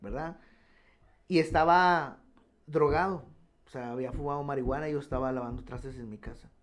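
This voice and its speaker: A man's voice: medium pitch, steady tone, moderate pace. A man telling his personal testimony on a radio program, earnest and full of restarts. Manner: earnest storytelling with many restarts. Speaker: guest giving testimony.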